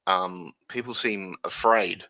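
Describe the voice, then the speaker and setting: A man voicing a female agency handler who briefs her agents in a slow, hesitant way. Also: sits low, pushed and bright, full character voice. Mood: worried.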